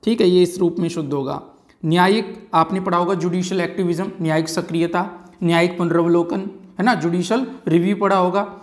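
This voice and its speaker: Teacher drawing out words. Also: male voice, sits high, fairly even intonation. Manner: repeats key words slowly, frequent "है ना" and "ठीक है जी". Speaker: Hindi grammar teacher. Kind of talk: exam-prep lecture.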